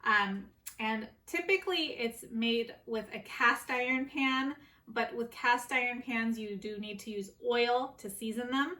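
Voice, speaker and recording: A woman's voice: on the high side, measured pace, pushed and bright. A woman hosting a home cooking video, talking through a recipe step by step in a casual, friendly way.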